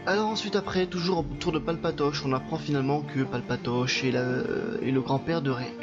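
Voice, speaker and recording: A man's voice: a little high, brisk. A young man giving a casual video film review, chatty and loose, with many fillers and restarts. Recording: dull lo-fi recording with faint music behind.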